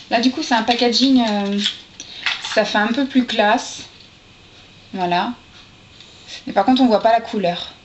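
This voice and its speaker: A fairly high-voiced woman chats casually to her camera, hesitating often and filling gaps with small asides as she picks things up. The sound is dull and lo-fi, like a built-in camera mic, with a clear hiss underneath. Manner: chatty, hesitant, with many fillers and little asides while handling products. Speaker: beauty vlogger. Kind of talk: casual haul chat to camera.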